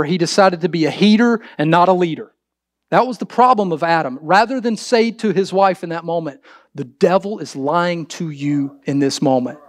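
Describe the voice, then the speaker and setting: A man's voice: high voice, dry recording, clean studio sound. A man preaching a sermon as pastor, emphatic, asking his congregation rhetorical questions and addressing the men directly.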